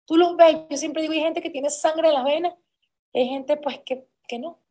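A woman's voice: high voice, steady tone, normal speed, mellow. A woman giving an emphatic, repetitive motivational talk to a sales team as a conference speaker. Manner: emphatic and repetitive, building intensity.

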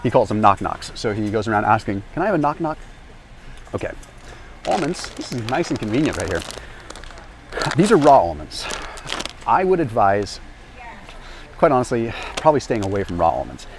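Moving down an aisle of a large indoor warehouse store, a man in his thirties gives an energetic on-camera talk about nutrition for his health vlog. His lowish voice has a sing-song lilt and a moderate pace with long pauses. A small lapel mic records him, with slight background noise.

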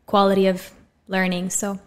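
An American medical student in her twenties chats casually as a podcast guest, friendly and relaxed, often opening with "so." Her voice is medium-pitched and normally paced. She's recorded in a small, bright studio room on a condenser mic mounted on a boom arm.

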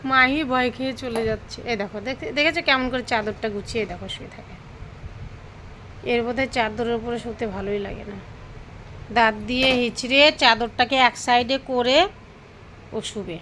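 Bright-voiced woman cooing at her pets. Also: fairly high pitch, fairly quick, slight background noise, poor audio. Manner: addresses viewers as friends, coos sweetly to her pets. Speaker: vlogger showing her pets. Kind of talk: casual pet vlog narration.

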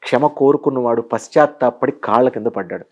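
A man's voice: mid-range voice, a little fast. A man with a Telugu accent, a motivational speaker answering an interviewer and acting out the stories he tells. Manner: animated storyteller who plays out the scenes he describes. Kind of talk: guest in an interview.

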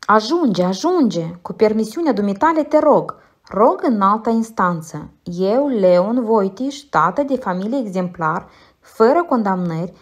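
A woman's voice: medium pitch, lively intonation, lightly acted. A woman reading an audiobook, voicing a retired older man who rambles in a wheedling, self-satisfied way and chuckles to himself. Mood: self-righteous. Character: retired older man, fussy, giggling, sly. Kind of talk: audiobook character voice.

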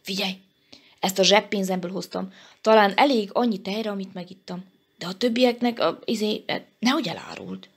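A woman's voice: mid-range voice, lively intonation, breathy edge. A woman voicing a bossy, know-it-all seal pup who speaks in a commanding, self-important way.

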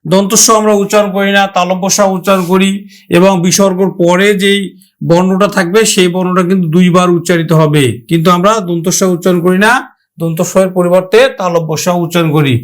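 A male teacher from Bangladesh giving a spoken lesson, slow and deliberate, repeating and drawing out example words. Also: sits high, little pitch movement.

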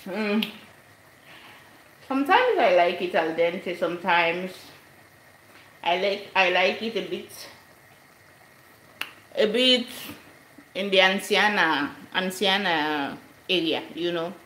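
Slow, chatty woman cooking in an echoey kitchen. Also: on the low side, animated, fairly bright tone. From Sierra Leone. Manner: chatty, laughs often, mixes in Italian phrases. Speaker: cooking vlogger. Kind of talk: casual live cook-along chat. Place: home kitchen. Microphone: camera above the stove.

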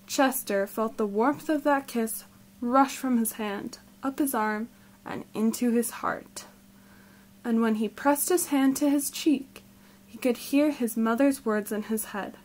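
A woman reading a children's storybook aloud in a gentle, expressive way. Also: a little high, unhurried, rough recording. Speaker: storybook reader.

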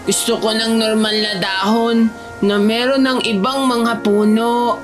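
A whiny little cartoon pine tree played by a voice actor, vain and sorry for itself. The delivery is childlike and exclaiming, at a middling pitch, with music playing clearly behind. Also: level tone, a little slow, natural voice. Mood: pleading. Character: small, vain, self-pitying young pine tree. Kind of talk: children's cartoon story acting.

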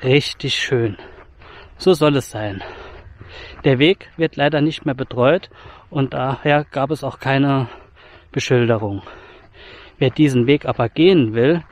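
A man's voice: medium pitch, unhurried, long pauses. A man in his forties, a hiking vlogger, talking plainly to a camera held at arm's length outdoors on open farmland. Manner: friendly, plain and matter-of-fact. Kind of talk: casual vlog to camera. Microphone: action camera held at arm's length.

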